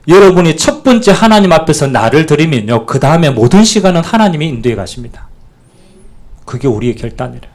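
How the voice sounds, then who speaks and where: A man pastor preaching a sermon, animated and calling out to the congregation for amen. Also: on the high side, slight background noise.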